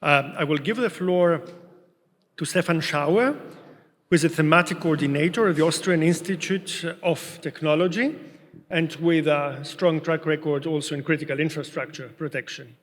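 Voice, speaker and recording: A man moderating a conference panel, speaking in measured, hesitant phrases. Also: on the high side. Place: conference hall. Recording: long reverb of a conference hall.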